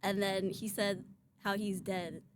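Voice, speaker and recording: A woman's voice: mid-range voice, level tone, measured pace. A woman in casual chat, telling a story and laughing as she goes. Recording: faint background noise.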